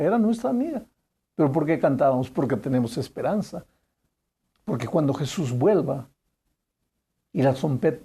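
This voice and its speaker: A calm young girl softly reassures someone in grief, spoken by a male preacher. The voice is mellow and husky and rises and falls with feeling. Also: fairly high pitch, heavily acted. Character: gentle young church girl, calm and consoling.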